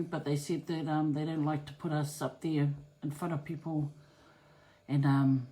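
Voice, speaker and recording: A woman's voice: low voice, a little mellow, poor audio. A middle-aged woman with a Māori New Zealand English accent, giving a casual, plain-spoken personal account as an interviewee, with Māori words mixed in. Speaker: interviewee telling her family's story. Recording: clear background noise and ambience.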